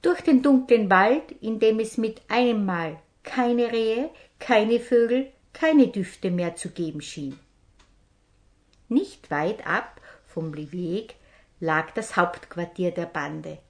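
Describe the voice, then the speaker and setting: A woman hosting a herb show, reading a fairy tale aloud slowly and dramatically. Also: mid-range voice, lively intonation. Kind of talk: storytelling narration.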